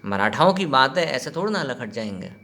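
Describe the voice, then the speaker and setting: A man's voice: medium pitch, big pitch swings, a little fast, sharp tone. A man giving an exam-prep history lecture in a chatty way, mixing Hindi and English, asking his students questions and acting out quoted exchanges. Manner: conversational, mixes Hindi and English, quizzes listeners, acts out quoted exchanges. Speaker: history teacher.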